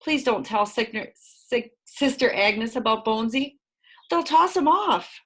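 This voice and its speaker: A woman's voice: fairly high pitch, lively intonation, measured pace, fairly bright tone, voice pushed up. A woman voicing a shy young orphan girl in a storybook reading, in a raised, pleading voice.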